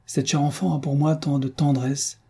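A man voicing a gravely ill, grieving noble mother in an audiobook, weak and pleading. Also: fairly high pitch, level tone, moderate pace, mellow. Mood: weary.

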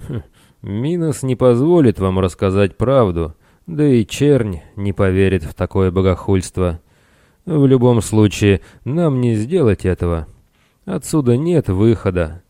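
A man voicing Ciron, a worn-out, excitable pirate who talks eagerly and exclaims a lot. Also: mid-range voice, normal speed, no echo, studio quality, voice pushed up, lightly acted. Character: weary male pirate, excitable and warm-hearted.

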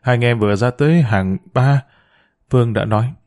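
A man narrating a novel as an audiobook in a steady reading voice. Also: mid-range voice, normal speed.

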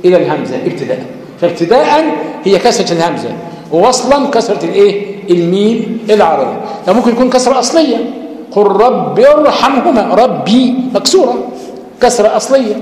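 A man with an Egyptian accent gives a recitation lesson, his fairly high voice carrying through a reverberant hall. He works through each rule, pausing on rhetorical questions and intoning short verses as examples. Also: big pitch swings, darkish tone. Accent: Egyptian Arabic. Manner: explains step by step, asks rhetorical questions, chants Quranic examples. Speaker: Quran recitation teacher. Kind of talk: lecture on tajweed rules.

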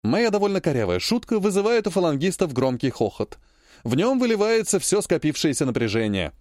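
Expressive male audiobook narrator. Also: on the high side, brisk, no echo, clean studio sound. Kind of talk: scripted narration.

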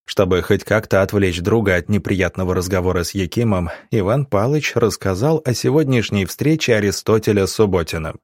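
A man narrating an audiobook in a steady storytelling manner. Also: fairly low pitch, fairly quick, hardly any pauses, dry recording, clean studio sound. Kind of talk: scripted narration.

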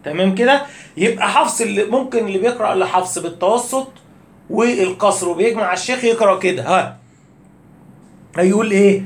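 Casting: Egyptian Arabic-accented male recitation teacher, high voice, echoey room, chatty rhetorical questions. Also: fast talker, pauses often. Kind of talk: casual spoken lesson.

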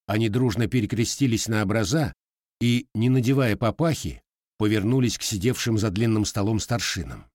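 A man narrating an audiobook with steady storytelling delivery. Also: on the low side, normal speed, no room sound, clean studio sound. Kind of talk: scripted narration.

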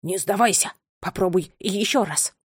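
A woman voicing a gossipy, know-it-all male blackbird in an audiobook, in a low, drawling voice. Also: normal speed, breathy edge, no echo, clean studio sound. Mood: encouraging. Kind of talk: audiobook character voice.

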